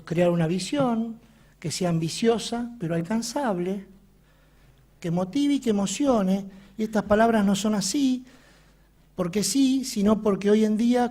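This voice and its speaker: A man's voice: high voice, warm tone. A man with an Argentine accent opening a surgical symposium as coordinator, giving a formal address in declarative, list-like phrasing. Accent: Argentine Spanish.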